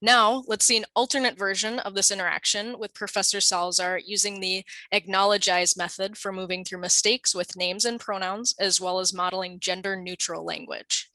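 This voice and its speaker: A woman reads the scenario narration in a measured, deliberate way. Her voice is bright and sharp. The recording is dry and close. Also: medium pitch, steady tone, no echo, rough recording. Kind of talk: scripted narration.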